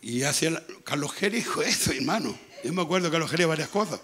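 A man with a Chilean accent preaching a sermon as pastor, with a hoarse, gravelly voice, talking loudly and repeating himself as he goes. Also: fairly high pitch, expressive, quick pace. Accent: Chilean Spanish. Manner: speaks loudly, conversational preaching with frequent repetition. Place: church.

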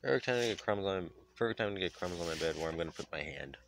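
A man's voice: sits low, animated, fast, creaky, background noise. A tired young man giving casual gameplay commentary, reading the on-screen dialogue aloud and stumbling over his words in a drowsy mumble. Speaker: let's play gamer.

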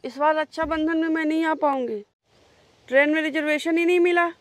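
A woman's voice: high-pitched, fairly even intonation, fairly quick, dry recording. A woman playing a wife in a comedy sketch, insistent and taunting toward her husband. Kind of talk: scripted comedy sketch acting.

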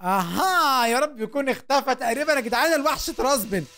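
A young man with an Egyptian Arabic accent giving excitable, joking let's-play commentary as a gaming host, talking to viewers. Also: extremely high pitch, fast talker.

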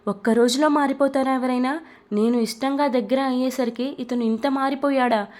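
A woman's voice: sits high, fairly even intonation, moderate pace, a little mellow, close to an everyday voice. A woman voicing a frightened young bride who speaks in a hesitant, inward way, read as a storybook voice. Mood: wistful. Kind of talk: storybook reading.

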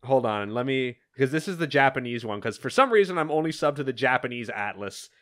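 A man's voice: mid-range voice, animated, brisk, a bit bright. A young man co-hosting a casual news and reaction show from home on a video call. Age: young adult. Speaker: co-host.

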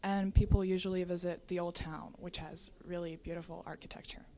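Teen exchange student girl from Lithuania, low calm voice, explanatory. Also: fairly quick, slight background noise. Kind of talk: casual interview answers.

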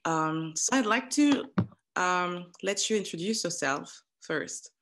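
A woman's voice: lowish voice, animated, slow, a bit bright. Woman hosting a video-call interview. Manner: hesitant, restarts often. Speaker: host. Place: home living room. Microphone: headset.

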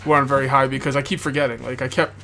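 Talking very fast in a mid-range voice, the host of a video game let's play series delivers flat, sharp-toned commentary. He rambles casually, repeats himself, and speaks with a sore tongue he's bitten, while game ambience and background noise run underneath.

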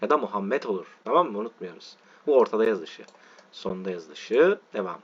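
A man's voice: on the low side, expressive, normal speed, husky. Guy teaching a lesson, says each thing twice, checks in a lot, kinda muffled audio. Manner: repetitive, checks in with "tamam mı arkadaşlar". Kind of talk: online lesson walkthrough. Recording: dull lo-fi audio.

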